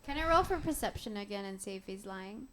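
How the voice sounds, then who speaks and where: A woman's voice: medium pitch, expressive, a little fast, fairly bright tone, slight background noise. A woman playing a tabletop game in casual chat, eager and pushy. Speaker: player.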